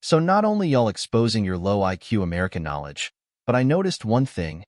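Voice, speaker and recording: Scornful low-voiced man lecturing. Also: sing-song, a little fast, no room sound, studio quality. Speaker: commentary video narrator. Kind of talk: argumentative commentary.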